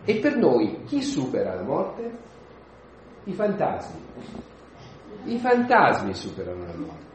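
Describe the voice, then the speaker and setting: A man giving an informal homily, conversational and lively, acting out the voices of the people in the story. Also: medium pitch, slow pace, slight background noise. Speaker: preacher. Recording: echoey room.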